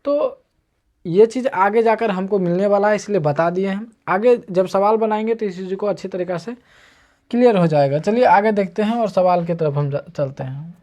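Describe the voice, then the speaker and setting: A man's voice: sits high, normal speed, warm tone. Patient man teaching math. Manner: patient, repetitive explaining, walking through steps. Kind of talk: online math lesson.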